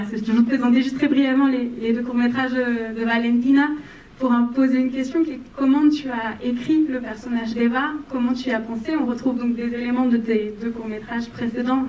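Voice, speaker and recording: A woman's voice: a little high, steady tone, brisk, a little mellow, muffled recording. Young woman hosting a film talk, rambly prepared questions full of euh, handheld mic, distant and echoey with faint hiss. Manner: winding, articulate, with frequent fillers. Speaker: moderator of a film Q&A. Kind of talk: long prepared questions to a guest. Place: cinema auditorium in front of the screen. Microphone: handheld mic, filmed from far away. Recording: echoey hall taken from afar, faint noise.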